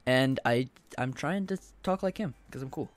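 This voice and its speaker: A young man giving casual, rambling let's-play commentary, excitable and full of goofy asides. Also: medium pitch, normal speed. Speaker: gaming video host.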